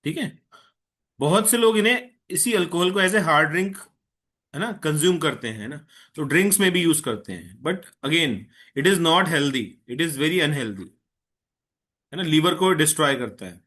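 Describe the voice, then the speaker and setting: Bright-voiced male chemistry teacher. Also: a little high, lively intonation. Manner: Hindi mixed with English, checks understanding often; patient, tells an eager student to slow down. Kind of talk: online class lecture.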